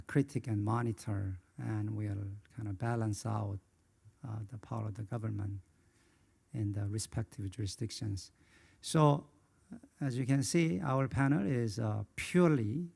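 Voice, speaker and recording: A man's voice: lowish voice, creaky, mellow. A man from Indonesia moderating a conference panel, hesitant and full of filler sounds.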